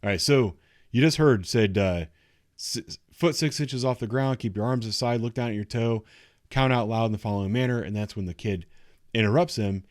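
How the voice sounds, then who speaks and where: A man's voice: medium pitch, normal speed, dry recording, studio quality. A man giving unscripted, instructive commentary on video footage in a matter-of-fact way. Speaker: commentator reviewing police footage.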